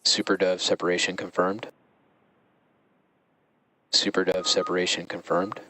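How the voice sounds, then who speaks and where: Man on a distant radio loop, making mission control callouts in a flat, clipped manner. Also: low voice, measured pace, no room sound. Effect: distant radio loop audio from mission control. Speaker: launch control operator.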